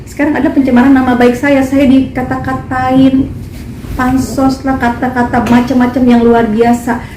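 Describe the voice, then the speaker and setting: A woman's voice: high-pitched, little pitch movement, moderate pace, recorded from a distance. A woman singer making an emphatic, indignant statement at a press conference. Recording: echoey, from afar, faint noise.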